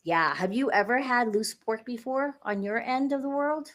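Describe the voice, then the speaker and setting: A woman's voice: a little high, animated, moderate pace. A middle-aged woman from the United States, a podcast guest chatting casually and explaining things step by step with a few fillers. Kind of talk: casual interview chat.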